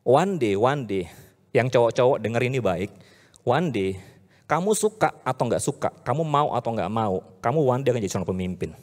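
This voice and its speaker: Lively youth preacher in a ringing church hall. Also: male voice, brisk. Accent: Indonesian. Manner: lively, swings from loud hype to low earnest talk. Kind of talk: casual youth sermon.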